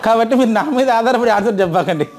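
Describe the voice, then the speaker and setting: A man's voice: very high voice, animated, very fast, background noise. A man teaching a group, asking his audience questions over and over and checking their answers. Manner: quizzes audience, repeats questions. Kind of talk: interactive lecture.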